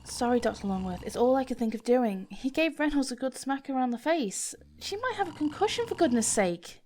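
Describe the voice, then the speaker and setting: A woman's voice: sits high, animated, brisk, darkish tone, a little hiss or hum. A woman playing a defensive, indignant nurse. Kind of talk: audio drama acting.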